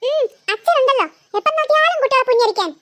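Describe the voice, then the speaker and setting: A woman's voice: very high-pitched, lively intonation, fast, sharp tone, dry recording, exaggerated voice. A woman voicing a harried cartoon mother who scolds her two daughters. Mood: chatty. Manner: nagging, exasperated scolding.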